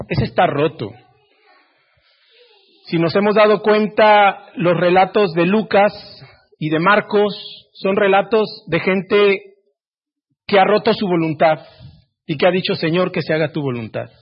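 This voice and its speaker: A man preaching a sermon who asks the congregation direct questions and swings between loud emphasis and hushed, quiet passages. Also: high-pitched, unhurried, pauses often. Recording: dull lo-fi recording.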